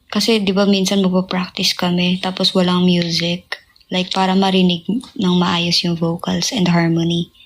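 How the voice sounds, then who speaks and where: A young woman singer chatting casually with fans on a livestream, drifting between talk, sung snippets and soft whispers. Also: lowish voice, level tone, moderate pace, slight background noise.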